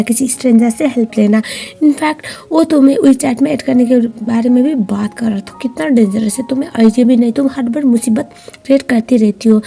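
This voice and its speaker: A woman's voice: fairly high pitch, vocal fry, mellow, husky. A woman reading as a stern scolding young CEO.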